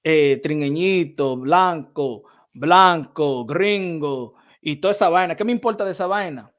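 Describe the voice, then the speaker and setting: A man from the Dominican Republic hosts a boxing podcast live stream, ranting heatedly, reading chat, mimicking others, swearing and switching into Spanish. His voice is fairly high and his pace normal, and he's excitable throughout.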